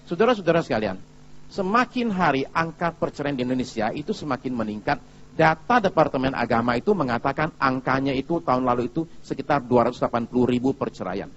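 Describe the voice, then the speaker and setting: A male pastor giving a sermon in a lively, chatty storytelling manner, often turning to the congregation with asides. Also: medium pitch, quick pace, highs cut off.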